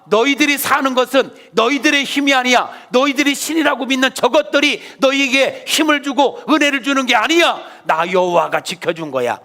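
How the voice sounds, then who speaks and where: A man voicing God in a sermon, stern and loudly scolding. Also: extremely high pitch, lively intonation, a little fast, hardly any pauses, pitched above the performer's own voice, exaggerated voice. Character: stern commanding male God scolding people.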